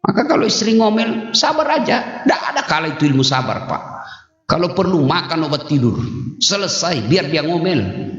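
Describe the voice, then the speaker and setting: A man's voice: a little high, big pitch swings, normal speed, fairly bright tone. A middle-aged man preaching a humorous sermon, joking and quizzing his audience. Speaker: Islamic preacher. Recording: echoey hall, dull sound.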